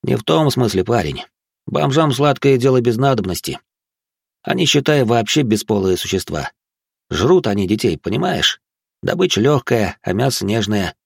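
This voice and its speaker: A man's voice: mid-range voice, sing-song, normal speed, gravelly, slightly rough, no room sound, clean studio sound, pitched above the performer's own voice, heavily acted. A man reading an audiobook, voicing a gloomy, tipsy middle-aged male beat cop who grumbles in a world-weary way. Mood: grumbling.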